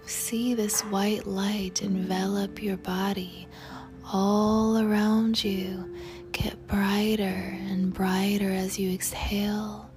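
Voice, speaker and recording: Very slow, soft whispering woman meditation guide. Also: mid-range voice, little pitch movement. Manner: soothing, tender, addressing listener affectionately. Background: music.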